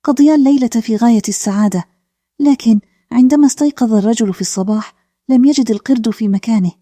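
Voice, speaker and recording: Dark-toned woman telling a bedtime story. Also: fairly high pitch, quick pace, dry recording, studio quality. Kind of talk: calm bedtime story narration.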